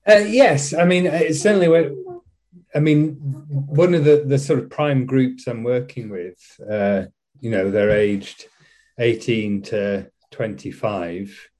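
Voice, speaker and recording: A man's voice: medium pitch, takes it slowly, darkish tone. A man from West Yorkshire with a Yorkshire accent, a college chaplain answering interview questions in a casual, self-deprecating way with frequent restarts. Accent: Yorkshire English. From West Yorkshire, England.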